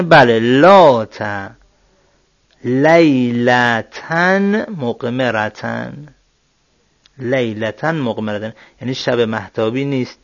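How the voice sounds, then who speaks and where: A man teaching Arabic grammar, working through exercises and slowly spelling out each example word. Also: medium pitch, gravelly, no echo. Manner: slow, deliberate, spells out example words. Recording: dull, dry lo-fi sound.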